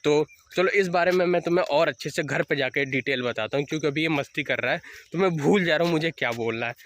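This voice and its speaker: A man's voice: on the high side, fast talker. Young man chatting while walking his dog. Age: young adult. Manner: chatty, explains then calls loudly to his dog. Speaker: dog owner vlogger. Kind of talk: casual outdoor dog-training vlog. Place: outdoors on an evening walk by fields.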